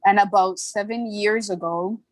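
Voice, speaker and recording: Her voice sits mid-range with fairly even intonation as she recounts her story in a relaxed interview. The young woman, a brand founder born in Ghana and raised in Toronto, is frank, sincere and laughs readily; the recording is dry and rough.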